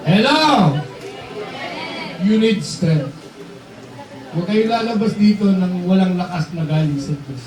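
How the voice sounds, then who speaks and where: A high-voiced man preaches to a congregation, joking with them and shouting at the peaks. He sounds far off in a roomy, echoing hall. The crowd is heard around him. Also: measured pace, long pauses. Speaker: bishop preaching. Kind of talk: sermon.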